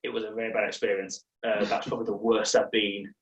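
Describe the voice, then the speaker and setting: A man's voice: fairly low pitch, level tone, fast talker, reverberant, distant mic, dull audio. A young man co-hosting a podcast, telling a story in a rambling, self-mocking way with many restarts. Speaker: podcast co-host. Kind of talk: casual chat, storytelling.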